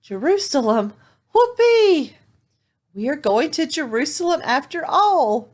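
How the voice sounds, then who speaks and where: Brief: woman reading as a hopeful young donkey boy in a storybook, proud and eager, voice a touch high. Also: lively intonation, a little slow, slightly rough, full character voice. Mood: excited.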